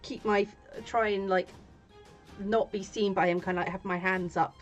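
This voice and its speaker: A woman's voice: mid-range voice, steady tone, normal speed, soft background music. A woman in casual game chat, tentatively describing her character's actions aloud as a player.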